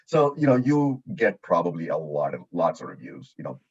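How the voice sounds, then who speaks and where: A man's voice: low voice, sing-song, normal speed, husky, highs cut off. A man hosting a casual chat, talking loosely with lots of "you know" and "right". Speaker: host. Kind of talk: casual conversation.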